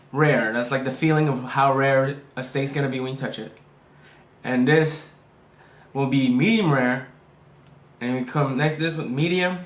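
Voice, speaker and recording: A man who is a chef, casually explaining cooking steps in a halting, step-by-step way. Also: mid-range voice. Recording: echoey room.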